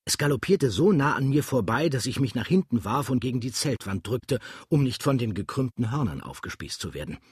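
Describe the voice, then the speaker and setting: A man's voice: mid-range voice, slightly rough, dry recording, studio quality. A man narrating an audiobook with a dramatic, vivid reading style. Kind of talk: scripted narration.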